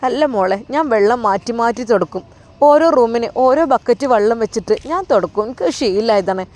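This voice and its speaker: An earnest, hardworking young woman, played by a woman narrator, with a Malappuram Malayalam accent. She insists in a somewhat high voice. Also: lively intonation, brisk, a little mellow, lightly acted.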